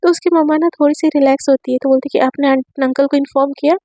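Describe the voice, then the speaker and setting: A chatty woman storyteller narrating an episode of a romance serial, speaking to listeners as friends. Her voice is high-pitched but dark and mellow in tone. The recording is close and dry, with no room echo. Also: fairly even intonation, fast.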